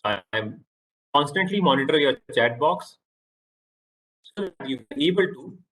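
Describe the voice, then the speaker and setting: Indian man giving a halting online lecture. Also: fairly high pitch, lively intonation, a bit bright, poor audio. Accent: Indian English. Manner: halting, repeats words, loose grammar. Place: video call.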